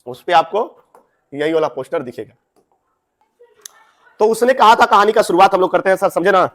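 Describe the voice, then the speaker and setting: Chatty male teacher, high voice. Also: lively intonation, moderate pace, fairly bright tone. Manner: chatty, addresses students directly with asides. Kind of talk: explaining a Hindi story to students.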